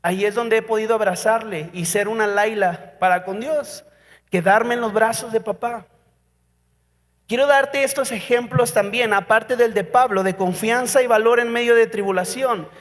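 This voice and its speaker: Mexican man, pastor, sermon, dramatic storytelling, very high voice, long hall reverb. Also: fairly bright tone. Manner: dramatic storytelling with questions to the congregation. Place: church.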